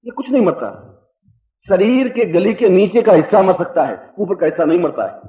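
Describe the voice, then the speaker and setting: An older man giving a spiritual discourse, explaining slowly and emphatically and chanting Sanskrit verses, recorded in a dull, echoey old hall. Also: sits high, lively intonation. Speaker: spiritual teacher.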